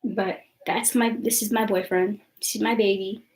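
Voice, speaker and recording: A woman's voice: medium pitch, fairly even intonation, normal speed, darkish tone, roomy sound, rough recording. A young woman vlogger in casual live-stream chat, blunt and defiant, swearing freely and rambling with many likes and ums.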